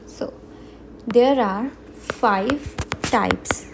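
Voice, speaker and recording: A woman gives a beginner language lesson at a slow, deliberate pace, repeating each example word. Her voice sits a little high. The recording carries a steady background noise. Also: gravelly. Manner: slow, careful teaching with repeated example words. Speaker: French teacher.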